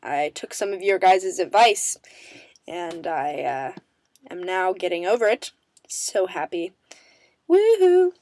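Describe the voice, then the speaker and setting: Her voice sits on the low side, darkish and a little slow, with no room sound, as this vlogger chats to camera answering viewer questions. She rambles cheerfully with many ums and pokes fun at herself, coughing and raspy after a bout of strep throat.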